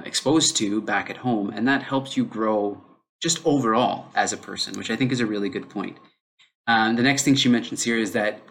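A man with a fairly low, somewhat bright voice hosts a podcast on his own, talking it through off the cuff. His first language is English. He restarts sentences midway and fills the gaps with heavy use of "um" as he thinks aloud.

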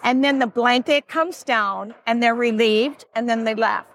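A woman's voice: fairly high pitch, moderate pace, fairly bright tone. An older woman, a grandparent and author, answering interview questions in a teacherly, explanatory way. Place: event floor at a toy show.

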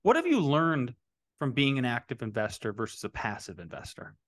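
Male podcast host, middle-aged. Chatty, meandering questions, mid-pitched. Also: huge pitch swings, brisk, fairly bright tone. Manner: rambling, frequent restarts. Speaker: podcast host, real estate developer. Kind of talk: casual interview chat.

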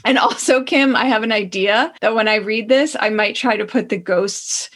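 A woman's voice: mid-range voice, normal speed, a bit bright. Amused woman podcast storyteller. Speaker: podcast co-host.

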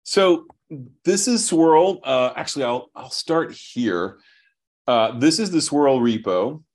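Man explaining software over a video call. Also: medium pitch, expressive. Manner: brisk, thinks aloud with restarts. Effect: heard over a video call. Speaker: software company founder as guest. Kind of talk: explaining software while sharing screen.

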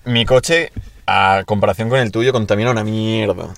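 Youngish guy, bit low voice, castilian spain accent, slangy banter with friends. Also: fairly even intonation, moderate pace, gravelly, no room sound. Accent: Castilian Spanish. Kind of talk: casual banter among friends.

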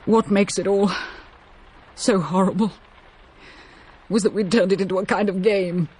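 A woman's voice: mid-range voice, fairly even intonation, measured pace, mellow, slightly rough. A woman playing a blunt, brusque countrywoman in a radio drama, distraught after a shock.

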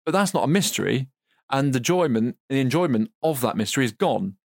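A man's voice: medium pitch, lively intonation, fast, vocal fry, no echo, clean studio sound. A man, co-hosting a casual podcast, who makes his point playfully and keeps asking rhetorical questions. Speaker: podcast co-host.

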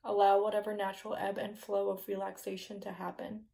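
Slow, hypnotic woman guiding meditation, mellow and creaky. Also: mid-range voice, little pitch movement. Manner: slow, soothing, hypnotic delivery with soft phrase endings. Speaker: yoga nidra meditation guide. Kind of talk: guided meditation, scripted relaxation narration.

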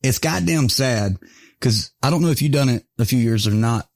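A man hosting a casual podcast, telling rough, profane stories about military service with frequent laughter. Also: medium pitch, expressive, moderate pace, dry recording. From rural area. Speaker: podcast host.

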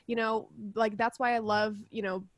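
A woman's voice: a little high, fairly even intonation, moderate pace, dry recording. A young woman co-hosting a podcast, chatting casually and giggly, full of fillers and laughter. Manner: bubbly, giggly, lots of fillers. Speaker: podcast co-host.

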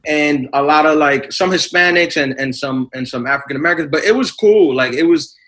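밝은 목소리의 뉴욕 억양 남성 코미디언. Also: male voice, fairly high pitch, a little fast. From New York. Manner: relaxed, restarts with repeated words. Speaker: comedian guest. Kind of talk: casual podcast chat.

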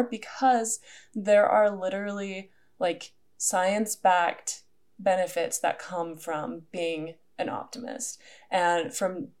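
A woman's voice: fairly low pitch, darkish tone. A young adult woman hosting a solo podcast, talking in a casual, earnest way with many fillers. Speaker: podcast host.

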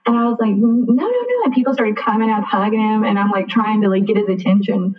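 A young woman telling a personal story as a podcast guest, chatty and full of "like" and quick restarts. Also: medium pitch, lively intonation. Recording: thin phone-like sound, distant from the mic.

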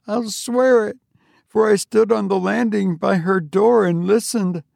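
A man reading aloud voices a harsh, stingy old woman in a grim, suspicious, sharp and exasperated tone. His pitch sits well above a usual male range with a gravelly texture, fairly even intonation and slow delivery, and the heavily acted performance is recorded dry and close.

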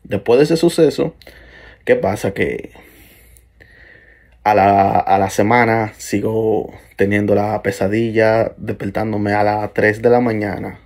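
A man's voice: lowish voice, vocal fry, a little mellow. A young man earnestly telling a first-person story of a night-time shadow being, with hesitant restarts.

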